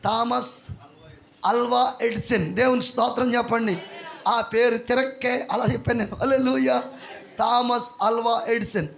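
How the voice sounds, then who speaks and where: Preacher man, high gravelly voice, fiery revival sermon delivery, shouted call-outs. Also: fairly even intonation, measured pace. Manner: shouting, acting out quoted people. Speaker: pastor.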